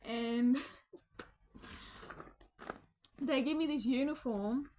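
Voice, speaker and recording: A woman's voice: high voice, drawn-out words, a little mellow, slight background noise, low-quality recording. A young woman casually telling a story about herself, full of slang and swearing, joking and calling the listener "bro". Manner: slangy, profane, joking, says "bro" a lot. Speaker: vlogger.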